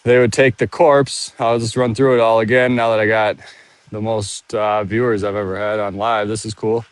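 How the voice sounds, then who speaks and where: A man speaks in a lowish, fairly flat voice at a normal pace, clear and resonant, with no echo. Out of breath, he's walking around a monument outdoors while live-streaming, rambling, thinking aloud, restarting sentences and reading viewer comments.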